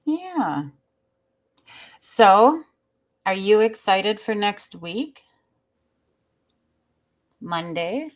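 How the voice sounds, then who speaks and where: A woman's voice: mid-range voice, sing-song, extremely slow, long pauses. Giggly woman hosting a live stream. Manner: giggly, greets chat viewers by name. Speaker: livestream host. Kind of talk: casual live-stream chat.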